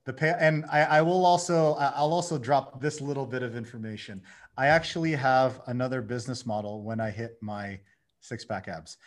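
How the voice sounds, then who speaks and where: A man in his thirties, a guest on a podcast, telling his story in a lively way and acting out his own inner dialogue. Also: medium pitch. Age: 30s. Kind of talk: casual conversation.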